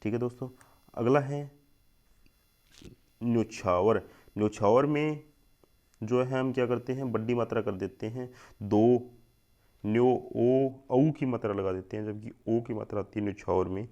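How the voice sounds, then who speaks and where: Heard on a lo-fi recording, a young man with a medium-pitched, mellow voice teaches exam spelling at a measured pace, pausing often. As a Hindi grammar teacher, he takes the words one by one, repeats each several times, and often checks in with "thik hai doston."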